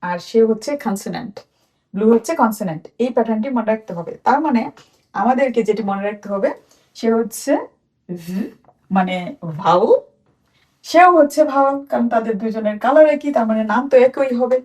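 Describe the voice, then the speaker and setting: A woman with a Bangladeshi Bengali accent teaching a children's phonics lesson and repeating each sound slowly for the children to copy. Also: on the high side, darkish tone, far from the mic.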